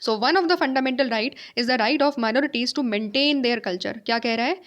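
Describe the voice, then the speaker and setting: A woman with a high voice teaches a lesson. She explains by posing questions and answering them herself, repeating key ideas. She keeps checking that her listeners are following. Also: slow, a bit bright. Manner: mixes in English phrases, checks understanding with tag questions. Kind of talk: classroom lecture.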